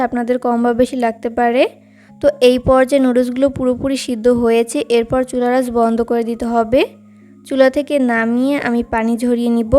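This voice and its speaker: A woman narrates a home recipe as a channel host in a steady, instructive voice-over. Her voice sits high and mellow, moving along briskly with little rise and fall. Faint music plays underneath. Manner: steady instructive step-by-step delivery.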